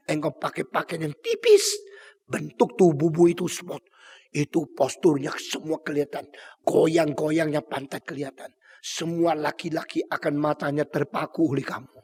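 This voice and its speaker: A man's voice: a little high, a little mellow, breathy edge, heavily acted. A man voicing a scornful, scheming queen in a sermon. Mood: coaxing. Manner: scornful, goading. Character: vengeful scheming queen, a grown woman.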